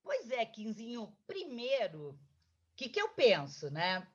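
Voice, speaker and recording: A woman, a children's author, tells a story to a child in a lively, coaxing way. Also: fairly high pitch, slow pace. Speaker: children's book author, guest. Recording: dull lo-fi recording.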